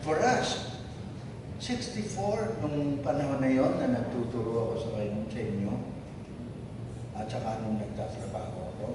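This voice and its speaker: A man in his seventies with a Filipino accent, a former teacher giving slow, reflective, fatherly advice to his old students at a reunion. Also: mid-range voice. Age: 70s. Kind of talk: heartfelt speech to former students. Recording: echoey hall from far off, noisy.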